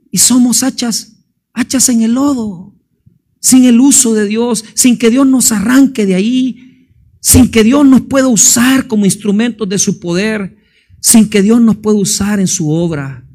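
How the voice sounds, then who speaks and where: A male pastor giving a fervent sermon, firing questions at the congregation and swinging between booming and hushed delivery. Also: unhurried. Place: church.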